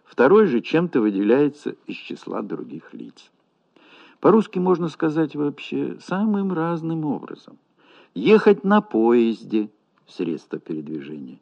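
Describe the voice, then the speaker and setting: A man lecturing in a measured, deliberate way on correct language usage. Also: medium pitch, creaky. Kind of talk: academic lecture on Russian usage. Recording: dull lo-fi recording.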